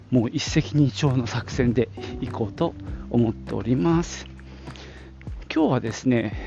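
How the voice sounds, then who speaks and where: 50s guy rambling his podcast diary while walking to work, gravelly unhurried voice, a bit winded, dull lo-fi sound with wind noise. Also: medium pitch, dark tone. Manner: chatty, rambling, many fillers. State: slightly out of breath from walking. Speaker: podcast host. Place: outdoors on a street, walking to work.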